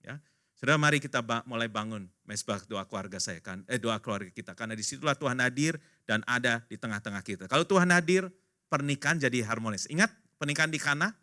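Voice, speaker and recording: A man's voice: medium pitch, quick pace, pushed and bright. A man in his fifties, a pastor, preaching a casual, joking sermon to his congregation at a church service and acting out the voices of the people he quotes.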